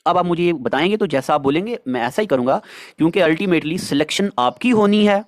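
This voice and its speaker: A man's voice: on the high side, expressive, brisk, no echo, clean studio sound. A man teaching an exam prep lecture, chatty, calling his students dear children and answering his own questions.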